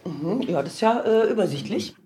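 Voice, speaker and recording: Playing a hotel chambermaid who guides a project, a woman narrates and chats casually on location in a mid-range, animated voice that is dark and slightly rough, at normal speed. Faint background noise can be heard.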